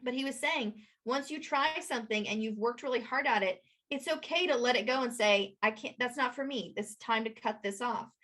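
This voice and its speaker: A woman guest in an interview, telling stories in a lively way and acting out the people she quotes. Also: normal speed, few pauses. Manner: animated storyteller, acts out quotes in a higher voice. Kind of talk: conversational interview.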